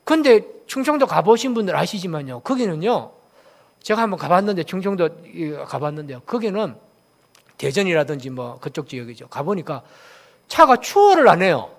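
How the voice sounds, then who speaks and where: A man's voice: high voice, very animated, brisk, gravelly. A man from Daegu, South Korea, preaching a sermon as a pastor, asking the congregation questions and having them repeat phrases after him.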